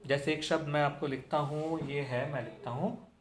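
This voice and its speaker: A man's voice: a little high, fairly even intonation, moderate pace. A young man teaching a language lesson, patiently explaining, repeating example words with strong stress and often checking in with listeners. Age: young adult. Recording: echoey room.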